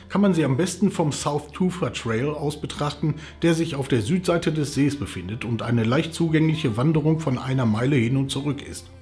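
A man in his forties hosts a travel channel, delivering scripted narration to camera inside a living room. His voice sits fairly high and has a darkish tone, with background music playing.

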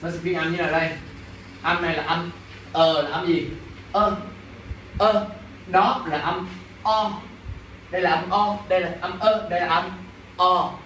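High-voiced teacher drilling English words. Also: male voice, fairly even intonation, unhurried, long pauses, a bit bright, a little hiss or hum. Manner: drills pronunciation, quizzes students, exasperated asides. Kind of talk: classroom English vocabulary lesson. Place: classroom. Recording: echoey classroom from a distance.

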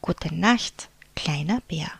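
A woman reading a picture book aloud to children in a soft, unvoiced whisper, as a whispered storybook reading. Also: low-pitched, lively intonation, slow, vocal fry, slightly rough.

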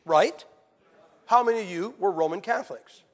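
A man preaching a sermon, telling stories with acted quotes and swinging from loud to hushed. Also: sits high, moderate pace. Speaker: evangelist preacher. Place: church. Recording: hall reverb.

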